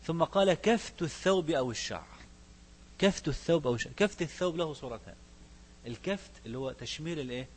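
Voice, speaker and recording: The voice is a little high, husky, and expressive, moving at a quick pace with an Egyptian accent. A sheikh teaching fiqh, he shifts between reciting in classical style and chatting in colloquial asides, and he asks his students questions.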